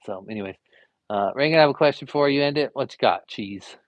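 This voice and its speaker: A man's voice: medium pitch, fast, no echo. A young adult man, an art teacher and variety streamer, chatting casually and rambling with many fillers while drawing live at home. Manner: rambling, easygoing, lots of fillers.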